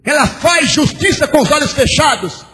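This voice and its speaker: A pastor preaching a sermon, shouting bursts and a sing-song cadence as he acts out conversations, in an old church recording. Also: very high voice, lively intonation, moderate pace. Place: large church. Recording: old church recording with long hall reverb and faint hiss.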